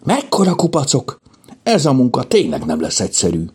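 A man voicing an excitable, bossy young girl in a children's audiobook, with high, eager exclamations. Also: slightly rough, heavily acted. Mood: excited.

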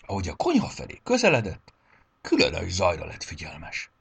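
A man narrating a children's story in an expressive way. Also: low voice, gravelly, breathy edge. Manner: expressive, voices the characters.

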